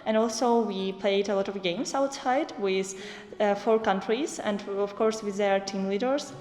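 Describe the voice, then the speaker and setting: A young woman describing a youth exchange project in halting English with many fillers. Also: mid-range voice, darkish tone, soft background music. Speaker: project participant. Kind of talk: interview answers in non-native English. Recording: echoey hall.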